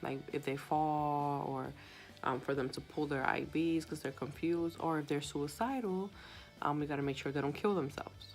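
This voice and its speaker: A young woman who works as a hospital sitter records a story-time vlog on her phone, chatting in a subdued way with many fillers. Her voice sits low and she keeps a moderate pace. Soft music plays behind her, and the recording is rough.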